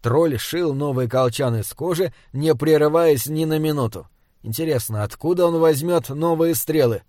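A man narrating a fantasy audiobook in a steady, even reading style. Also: a little high, normal speed, no echo, clean studio sound. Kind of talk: scripted narration.

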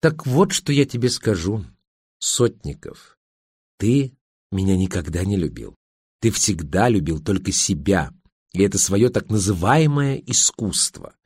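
A biting, scornful young wife, as a male narrator puts her on. Her lines climb higher than his own low voice and swing a lot in pitch. The sound is dry and close. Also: sing-song, a little slow, darkish tone, breathy edge, no echo, full character voice. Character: angry sharp-tongued wife, young adult woman.

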